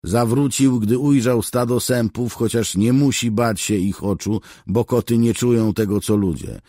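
A man voicing an exasperated, blunt soldier who argues loudly in an audiobook. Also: mid-range voice, unhurried, dry recording, clean studio sound, pitched above the performer's own voice, natural voice. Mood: arguing. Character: angry male soldier, a blunt decurion. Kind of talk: audiobook character voice.

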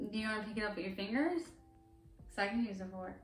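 A woman's voice: mid-range voice, fairly quick. A young woman hosting a casual vlog, chatting and reacting with squeamish disgust as she tastes candy. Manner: chatty, squeamish, laughs easily. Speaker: vlog host. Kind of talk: casual chat while taste-testing candy. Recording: roomy sound from a distant mic, faint music.

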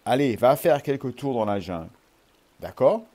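Man doing a drowsy, rude old snake, grumbles, storybook, dark voice. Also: medium pitch, lively intonation, moderate pace, close to an everyday voice. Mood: sleepy. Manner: sleepy, grumbling. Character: sleepy, rude old male green python.

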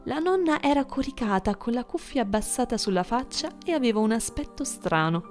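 A woman narrating an audiobook fairy tale in a gentle storytelling manner, with soft music behind. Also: on the high side, expressive, a little fast.

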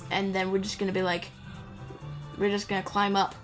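Over video game music, a woman with a mid-range voice plays and comments, speaking fairly quickly in a completely flat delivery. She rambles playfully through casual commentary and talks to the characters on screen.

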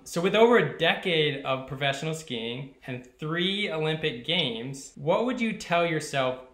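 A man in his thirties hosting a casual video call interview, upbeat and quick to laugh. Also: a little high, lively intonation, a bit bright. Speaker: host. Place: room at home. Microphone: video call webcam. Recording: echoey room over video call.

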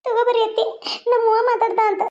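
A wronged young bride in a village cartoon, played by a woman, complaining and pleading in a very high, fast voice. She, and the recording is dull and lo-fi. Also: completely flat delivery, darkish tone.

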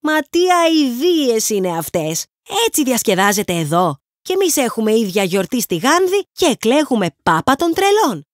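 Woman putting on a booming, blunt burly man. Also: big pitch swings, few pauses, dry recording, studio quality. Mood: scornful. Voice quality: thunderous. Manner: blunt, plain-spoken shouting. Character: burly loud middle-aged hosier man, blunt.

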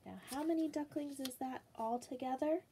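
Reading a picture book aloud in a small room, a young teacher counts slowly for little children in a patient, sing-song way. Her voice is high and warm, with a slight hiss or hum in the audio.

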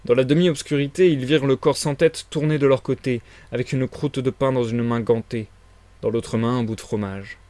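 Male reader for a live novel reading, steady narration, dry close mic sound. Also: medium pitch, moderate pace, dry recording. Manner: steady storytelling delivery.

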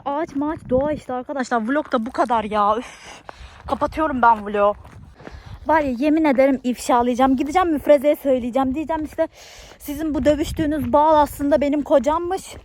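A woman's voice: high voice, darkish tone, close to an everyday voice. A woman playing an exasperated young wife who vlogs and scolds her husband in a comedy sketch.

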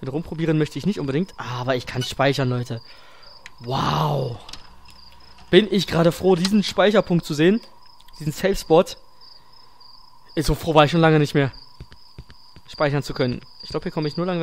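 Male let's player, scared and jumpy horror game commentary, fairly high-pitched, crude casual slang, noisy background. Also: moderate pace, long pauses. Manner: crude, slangy, self-deprecating joking. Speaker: let's play streamer.

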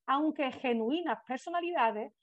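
A woman giving an academic conference lecture, often pausing with hesitant fillers. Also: high-pitched, no room sound. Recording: dull dry recording.

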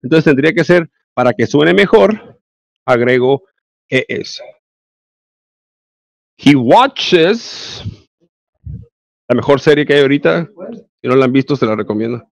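A man's voice: medium pitch, a little fast, creaky, no room sound. A male English teacher with a Mexican Spanish accent, giving an online class and explaining grammar step by step with frequent check-ins.

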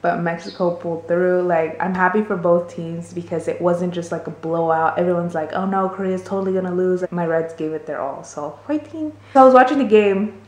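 A woman's voice: on the low side, fairly quick, a little mellow, roomy sound. A young adult woman vlogging, telling a story in casual, rambling chat full of "like" fillers. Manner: chatty, rambling, many "like" fillers.

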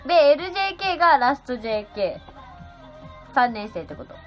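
A woman's voice: high voice, sing-song, normal speed. A seventeen-year-old girl chatting on a phone livestream, bubbly and thanking viewers one by one. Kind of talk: casual livestream chat reading viewer comments. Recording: slightly dull sound with faint music.

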